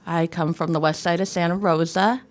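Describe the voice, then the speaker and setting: A young adult woman from Sonoma County, speaking as a guest in a casual podcast interview, earnest and relaxed. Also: fairly low pitch, normal speed. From Sonoma County, California. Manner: earnest, relaxed, uses "y'all" and "folks". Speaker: guest, nonprofit co-director.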